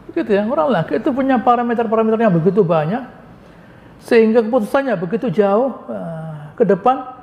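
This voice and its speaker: High-voiced preacher in a mosque hall. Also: male voice, gravelly, darkish tone. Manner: conversational, answers his own rhetorical questions, joking asides. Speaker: Islamic preacher. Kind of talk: mosque lecture on Quran commentary. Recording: long reverb of a mosque hall.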